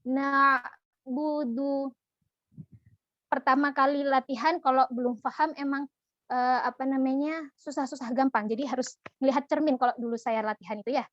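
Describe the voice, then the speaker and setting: A woman teaching Quran recitation in an online lesson, patient and gentle, demonstrating each syllable slowly. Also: high voice, steady tone, no echo, dull audio.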